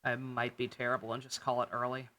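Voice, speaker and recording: Speaking fast in a mid-range, fairly flat voice with a sharp tone, a sleep-deprived game livestreamer rambles to viewers. The chat is casual, full of thinking aloud and frequent swearing.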